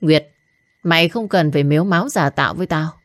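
A woman's voice: low-pitched, no echo, lightly acted. A woman voicing a tough young woman raised in a market, talking harshly and with bitterness. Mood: contemptuous. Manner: harsh, coarse, fast.

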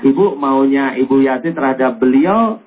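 A man preaching on a call-in show, advising a caller gently and joking now and then. His voice comes through narrow and tinny, like a thin broadcast line. His pitch sits in an ordinary middle range. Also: expressive, normal speed. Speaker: Islamic preacher answering callers. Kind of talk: radio call-in religious advice.

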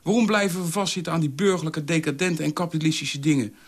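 Reading a radio story, a man voices a dogmatic, quarrelsome male commune ideologue who scolds and lectures in a shrill, hectoring rant. The reader's husky voice holds a steady tone, and he talks fast.

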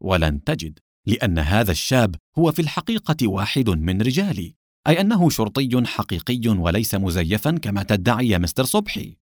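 A man's voice: mid-range voice, very animated, quick pace, no echo, studio quality, natural voice. A man voicing a cold, sarcastic, corrupt police inspector in an audiobook. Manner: cold, mocking.

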